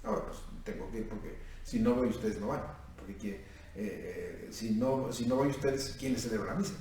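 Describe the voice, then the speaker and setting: A Mexican priest in his fifties with a Mexican accent preaches at a youth retreat in a warm, lowish voice at normal speed. He questions his listeners and calls them "mijo". The recording is echoey and distant, with faint noise.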